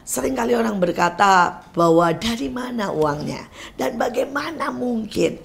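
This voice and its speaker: A woman's voice: on the high side, expressive, a little slow, vocal fry. An older woman hosting a casual talk show, chatty and teasing as she asks her guests questions. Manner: chatty, teasing, laughs often. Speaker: host.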